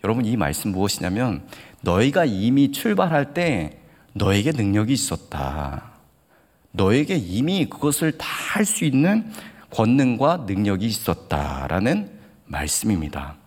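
A man preaching a sermon in a church hall, telling stories with animated delivery and asking the congregation direct questions. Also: on the low side, a little slow. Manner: animated storytelling, acts out quoted voices. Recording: long hall reverb.

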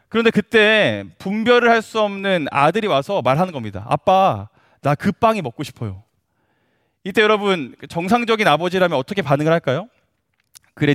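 A man in his thirties preaches a sermon in a lively voice that rises and falls widely, pitched a little higher than most men. He asks his listeners question after question and laughs lightly now and then. The sound is dry and close. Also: no room sound. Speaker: pastor.

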